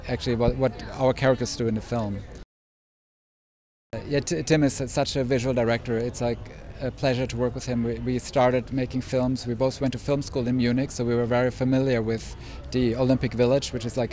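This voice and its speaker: A man's voice: medium pitch, flat delivery, fairly quick, dark tone. A man in a casual red carpet interview, explaining his work matter-of-factly. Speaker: cinematographer.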